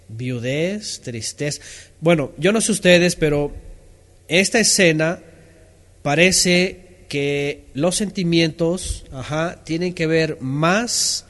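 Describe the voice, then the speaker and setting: A man teaches from the Bible with a slightly higher voice. He poses questions, reads out answers from his listeners and pauses over scripture passages to explain them. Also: fairly bright tone. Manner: reads scripture aloud, stopping to comment.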